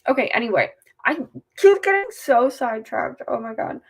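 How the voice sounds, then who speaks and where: A woman's voice: fairly high pitch, expressive, moderate pace, husky. A woman casually chatting as a livestream host in a rambling way, her speech slightly off after having her wisdom teeth out.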